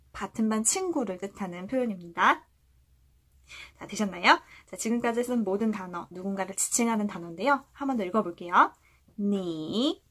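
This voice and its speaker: Husky-voiced woman teaching with lively pitch. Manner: patient, slow model readings for repeating aloud; asks the viewer questions and answers them herself. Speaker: Chinese language teacher. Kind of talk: lesson.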